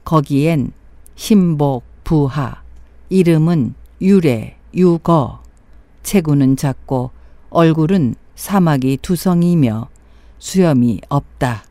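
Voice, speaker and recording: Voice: medium pitch, slow, mellow, no echo. A narrator telling a scripted folk tale for an audio drama.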